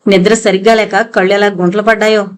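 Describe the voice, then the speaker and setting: A woman's voice: medium pitch, flat delivery, a little fast, clear, resonant tone, natural voice. Woman narrator doing a fretful middle-aged housewife, worried mother, pleading tone, audiobook character.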